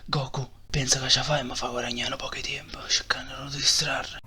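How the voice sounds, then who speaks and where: A man's voice: medium pitch, flat delivery, brisk, bright, forceful tone, husky, exaggerated voice. A man voicing a worried but determined martial-arts fighter with a Neapolitan accent, colloquial and dramatic, in an amateur cartoon parody dub. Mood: conspiring. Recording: music behind the voice.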